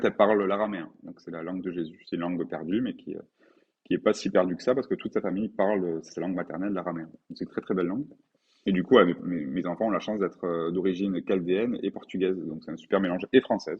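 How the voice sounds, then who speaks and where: Man in his 40s, from France, deep husky voice, quick earnest talk, dull lo-fi sound. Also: darkish tone. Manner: earnest, repeats words for emphasis. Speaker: podcast guest, painter. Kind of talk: conversational interview.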